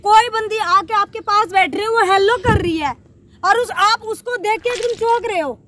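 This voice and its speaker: A woman's voice: very high voice, normal speed, fairly bright tone. A young woman in a staged outdoor argument, angrily accusing someone of lying. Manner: angry, accusing. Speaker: prank video performer. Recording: outdoor recording with street noise.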